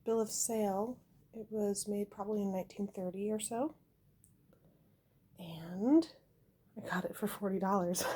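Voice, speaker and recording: Indoors at home, a homesteading vlogger holds up an item for her camera in a casual show-and-tell. Her voice is mid-range and dark-toned, with slight background noise, and she's a young woman who chats with small laughs and lots of fillers.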